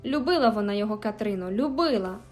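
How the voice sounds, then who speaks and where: A woman's voice: on the high side, a little fast, a little mellow, lightly acted. Storybook sick boy, petulant and spiteful, voiced by a woman, faint music under. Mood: taunting. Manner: whiny, petulant, taunting. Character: sickly, spoiled, spiteful teenage boy.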